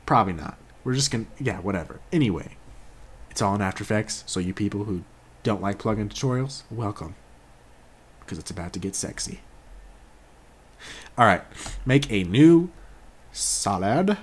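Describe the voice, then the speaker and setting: A young man hosting a casual software tutorial, laid-back and jokey, often correcting himself as he works along. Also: lowish voice, expressive, moderate pace, long pauses, slightly rough. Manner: laid-back, jokey, self-correcting, talks while working. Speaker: tutorial host.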